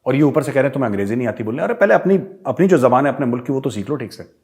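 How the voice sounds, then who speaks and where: Forceful Indian man, rhetorical monologue. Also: medium pitch, sing-song, very fast. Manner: forceful, rhetorical, switching between English and Hindi. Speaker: show host, commentator. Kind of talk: opinionated monologue to camera.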